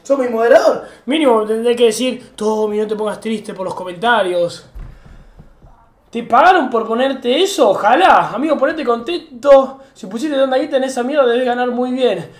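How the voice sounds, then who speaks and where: A young Argentine man streaming live, talking loudly and self-mockingly back to his chat as he complains. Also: very high voice, moderate pace, distant mic. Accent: Argentine Spanish. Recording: roomy, from off the mic.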